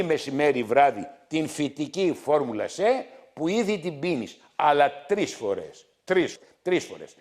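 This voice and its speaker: A middle-aged man hosting a health show as a doctor, scolding his viewers loudly and repeating his points again and again. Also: fairly high pitch. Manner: loud, scolding, repetitive, hammering points. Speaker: TV doctor host.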